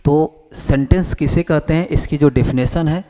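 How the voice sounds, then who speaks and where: A man's voice: fairly high pitch, dark tone. Male English teacher lecturing. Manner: repeats points as questions to the class; dictates definitions slowly while writing on a board. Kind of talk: classroom lecture.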